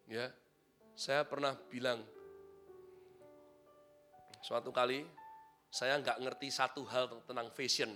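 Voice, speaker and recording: A man preaching a sermon, lively and animated, dropping to quiet asides and then rising to loud, emphatic bursts. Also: mid-range voice, slow, long pauses, faint music behind. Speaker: pastor.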